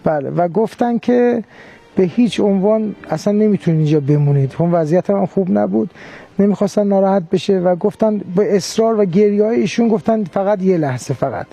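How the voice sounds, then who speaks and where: A man recounting a near-death experience in an interview, hesitant and pausing often. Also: high voice, creaky, warm tone. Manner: hesitant, with frequent pauses. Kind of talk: recounting a personal story.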